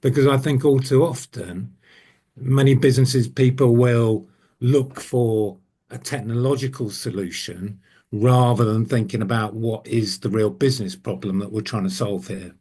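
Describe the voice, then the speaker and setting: A man from the United Kingdom talks through his view on a video-call panel at a middling pitch. He explains carefully, pausing and rephrasing as he works toward his point. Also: steady tone, mellow, husky. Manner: thoughtful and explanatory, with frequent ums and rephrasing. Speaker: panel guest, senior business analyst. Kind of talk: panel discussion.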